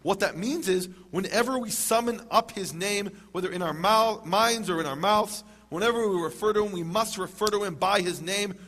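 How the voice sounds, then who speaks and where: A man lecturing a live audience on scripture, with dry humor, slowing down to stress key words. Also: high-pitched, a bit bright.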